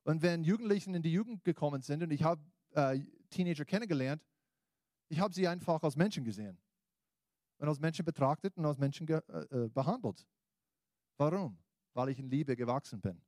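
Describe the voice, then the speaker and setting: Lively intonation and a slightly fast pace mark this preacher's higher, darkish voice, captured dry in a clean studio. A native English-speaking American, he speaks German with an American accent, delivering a casual evangelical sermon that exhorts his audience in colloquial terms.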